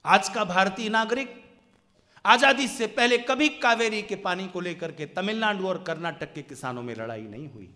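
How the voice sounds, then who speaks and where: A male preacher with a high, bright voice delivers an impassioned sermon. He swings from ringing declarations to hushed, slowed phrases. His words trail off into a long reverb in a large hall. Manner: impassioned oratory, swinging from loud declarations to hushed, drawn-out lines. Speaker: Arya Samaj preacher. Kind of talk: Hindi sermon on national pride.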